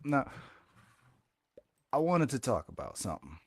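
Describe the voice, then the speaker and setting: A man playing a swaggering pro wrestler, delivering a deliberate, emphatic in-ring promo with drawn-out words. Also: mid-range voice, big pitch swings, creaky, husky, no echo, clean studio sound, full character voice. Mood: confrontational. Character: swaggering male pro wrestler calling out the champion.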